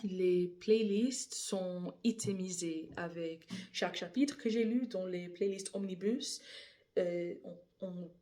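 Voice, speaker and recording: A woman's voice: lowish voice, slow pace, mellow. A young woman with an English accent reading scripture aloud in a second language, hesitant and often correcting herself. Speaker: Bible reader. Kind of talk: reading scripture aloud, then casual chat.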